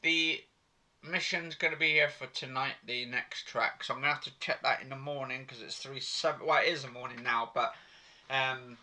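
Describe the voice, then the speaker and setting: A young man hosting a train game channel, giving animated, exclamation-filled gameplay commentary. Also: medium pitch, moderate pace. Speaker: gaming channel host. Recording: train game noise behind.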